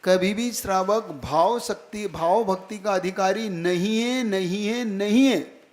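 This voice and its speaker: High-voiced man preaching a sermon. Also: slow pace. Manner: keeps checking the listeners follow with direct questions; emphatic, repeats key phrases. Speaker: Jain monk.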